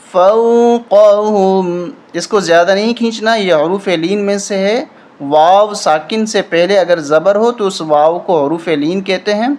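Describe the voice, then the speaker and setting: A man teaching a recitation lesson, patiently spelling out letters and rules one at a time. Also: high-pitched. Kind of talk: step-by-step tajweed lesson.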